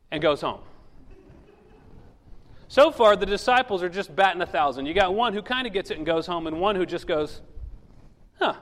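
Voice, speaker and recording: In a sermon recorded in a large hall with long reverb, a pastor with a high-pitched, slightly bright voice tells the story humorously. He imitates the voices of the figures in it as he goes.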